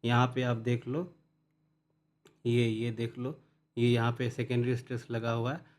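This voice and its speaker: A man teaching a lesson on English word stress, explaining step by step. He switches into English terms as he goes and slows right down to read each definition aloud with care, in a plain voice pitched in the middle range. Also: completely flat delivery, a little mellow. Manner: slow, careful reading of English definitions; mixes Hindi with English terms.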